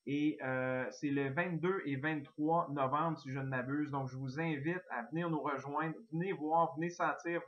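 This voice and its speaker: A man with a Québécois French accent giving an eager, excitable sales pitch on a recorded online call, full of fillers and restarts. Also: lo-fi sound. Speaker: network marketing presenter.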